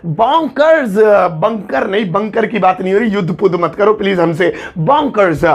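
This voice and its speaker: High-voiced playful Indian teacher. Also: male voice. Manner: playful, jokey, stretches out example words slowly. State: voice tiring, sips tea to keep it going. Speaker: English teacher. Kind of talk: casual video lesson.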